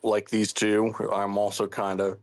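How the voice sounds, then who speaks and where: A middle-aged man from the United States co-hosting a casual podcast, speaking earnestly and measured, often restarting his sentences. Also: fairly low pitch, completely flat delivery. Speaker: podcast co-host.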